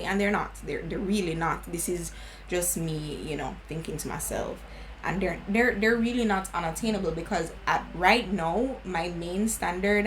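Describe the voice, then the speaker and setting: A woman's voice: fairly low pitch, a little hiss or hum, low-quality recording. A woman in her twenties with a Jamaican accent, chatting earnestly and slipping into patois. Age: 20s. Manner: earnest, laughing, slips into patois. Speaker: beauty vlogger. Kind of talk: casual chat.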